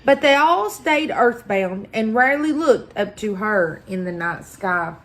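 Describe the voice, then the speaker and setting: A woman reading a children's picture book aloud as a story-time host, deliberate and expressive, pausing for effect. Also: medium pitch. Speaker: library story-time reader.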